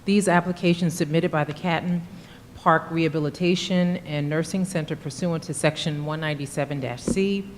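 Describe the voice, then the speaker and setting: Woman running a hearing, very low voice, formal, courtroom-style recording, faint rumble. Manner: formal, procedural. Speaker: hearing chair and counsel. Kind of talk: reading a formal hearing script. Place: public hearing room. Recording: long reverb of a hearing room with faint rumble.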